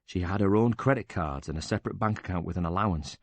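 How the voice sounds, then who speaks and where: A man voicing a bitter, quick-tempered older widower who talks with indignant sarcasm and swears freely. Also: low-pitched, creaky, husky, no room sound, exaggerated voice.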